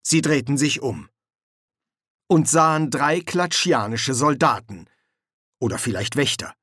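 A man narrating an audiobook with a lively storytelling delivery on a close microphone. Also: medium pitch, measured pace, breathy edge, no echo. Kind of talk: scripted narration.

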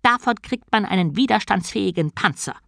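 A man's voice: high voice, animated, a little fast, gravelly, pushed and bright, no echo, clean studio sound, voice pushed up, heavily acted. A man voicing a drowsy, smug male turtle god with a matter-of-fact manner in an audiobook. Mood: lecturing.

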